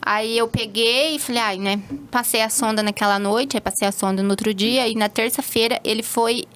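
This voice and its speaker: A woman in her thirties, a holistic therapist as an interview guest, telling a personal story and acting out what people said with sudden high exclamations. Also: fairly even intonation, normal speed, a bit bright, a little hiss or hum. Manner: acts out quoted speech with sudden high exclamations.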